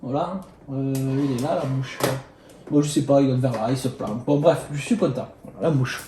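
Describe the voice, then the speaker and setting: A man with a Marseille accent, chatting casually to camera about his bargain finds, excitable and rambling with lots of fillers and mild swearing. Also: mid-range voice, normal speed. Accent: Marseille French. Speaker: video host showing flea-market finds. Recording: echoey room with faint noise.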